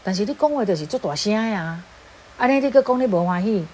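This relationships speaker talks fast in an animated, mid-range voice that is darkish and husky. Her informal lecture carries a Taiwanese accent, with Hokkien phrases mixed into her Mandarin and quoted speech acted out.

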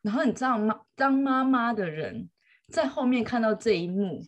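A woman's voice: a little high, expressive, moderate pace. A woman, a mother telling a story in casual chat, laughing often.

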